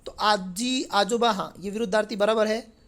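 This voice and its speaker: A man's voice: high-pitched, steady tone, moderate pace, fairly bright tone. Male teacher, chatty. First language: Marathi. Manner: conversational, checks in with frequent tag questions. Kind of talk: exam paper walkthrough lesson.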